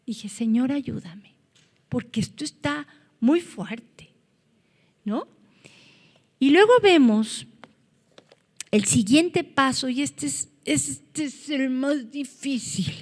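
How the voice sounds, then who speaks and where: High-voiced woman preaching slowly in a hall. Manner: earnest, rises to loud cries when quoting scripture. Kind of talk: sermon.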